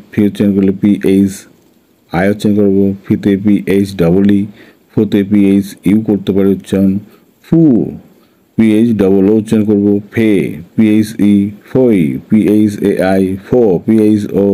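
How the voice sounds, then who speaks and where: A man teaching an English phonics lesson, spelling out letters one by one and then sounding each syllable slowly. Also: lowish voice, mellow, low-quality recording.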